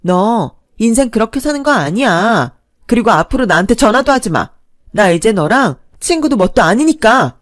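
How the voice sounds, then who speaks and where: An angry young woman shouts in indignation, as a woman plays her. The voice is loud and close, in a dry space. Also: a little high, very animated, moderate pace, no room sound, voice pushed up. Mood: furious. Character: angry young woman, insurance-selling friend.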